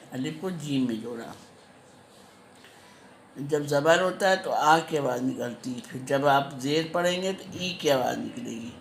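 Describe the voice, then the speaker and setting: A woman teaching an online phonics lesson to kindergarten children, drilling syllables slowly and patiently. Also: low voice, slight background noise. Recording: echoey room.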